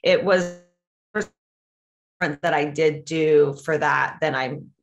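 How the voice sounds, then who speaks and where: An actress and professional wrestler who grew up in Latvia appears as a guest in a casual interview, speaking English as her second language. She is earnest and enthusiastic and uses many fillers. Her voice sits low with fairly even intonation at a slow pace, and the sound is lo-fi.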